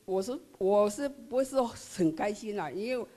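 An older woman with a Taiwanese Mandarin accent, telling her personal story in a halting, earnest way, full of tag particles. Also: medium pitch, animated, dark tone. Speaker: member sharing her experience. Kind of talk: personal testimony.

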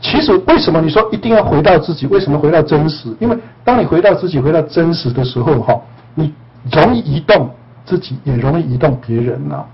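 A man's voice: a little high, lively intonation, fast talker, dull audio, slight background noise. A man, a spiritual teacher and counselor, talking to a group in a playful, teasing way with frequent laughter. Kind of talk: joking talk to a group.

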